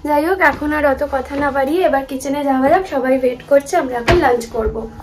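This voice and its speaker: A young woman from Kolkata chats in a casual vlog, fast and talkative and mixing in English words. Her voice sits high. She speaks from a shared kitchen. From Kolkata, India. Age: young adult. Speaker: vlogger, student in the UK.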